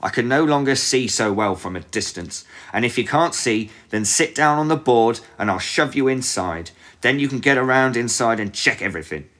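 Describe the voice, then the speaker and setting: A man voicing a cunning, cruel old witch in a storybook reading, with a shrill, commanding manner. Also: expressive, normal speed, few pauses, fairly bright tone, close to an everyday voice. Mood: scheming.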